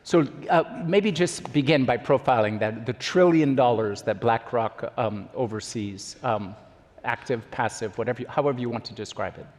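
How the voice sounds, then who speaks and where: A man moderating an informal on-stage chat, friendly and halting as he introduces his guest. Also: mid-range voice, a little mellow. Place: conference hall during a meal, microphone. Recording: reverberant hall.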